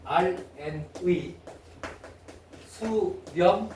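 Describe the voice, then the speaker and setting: Male math teacher, high voice, classroom lecture, echoey room, mic set far off. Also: extremely slow, a little mellow, a little hiss or hum. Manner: asks students constant check-in questions.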